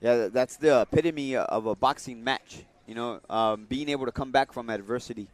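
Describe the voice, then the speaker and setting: A man's voice: mid-range voice, moderate pace. A man commentating on boxing in a casual, unscripted way, often repeating and rephrasing his points. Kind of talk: casual unscripted fight analysis.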